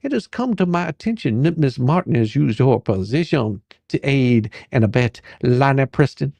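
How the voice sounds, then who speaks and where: Taking the part of a persistent, sarcastic attorney, a performer questions a witness in a dramatic deposition reading marked by repetitive, halting, probing lines. The voice is medium in pitch, animated and gravelly with a darkish tone, and its mood is mocking. No room sound is audible.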